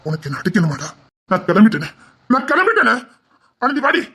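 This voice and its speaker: Woman as anguished village mother, husky, Tirunelveli Tamil accent, scolding. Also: medium pitch, wildly swooping pitch, brisk, fairly bright tone, exaggerated voice. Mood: distraught. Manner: emotional, scolding. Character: anguished village mother guarding her baby. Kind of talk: melodramatic village drama acting.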